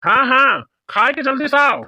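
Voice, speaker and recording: A man's voice: very high voice, animated, moderate pace, pushed and bright, no echo, exaggerated voice. A man voicing a thin, complaining old village husband in a cartoon, with a whiny, grumbling manner. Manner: whiny and grumbling, with rustic dialect. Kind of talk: cartoon voice acting.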